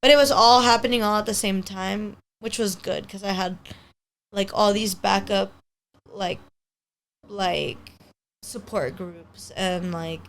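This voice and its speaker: At a measured pace, a young woman speaks in a mid-range, slightly bright voice with fairly even intonation. A hair stylist in her twenties and native Spanish speaker, she chats as a podcast guest, upbeat and rambling, with lots of "like."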